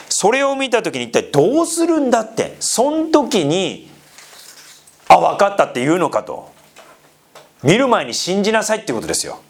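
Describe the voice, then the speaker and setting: A man preaching a sermon in a conversational way, asking the congregation questions and slipping into casual asides. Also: a little high. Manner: mixes polite speech with casual asides. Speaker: pastor.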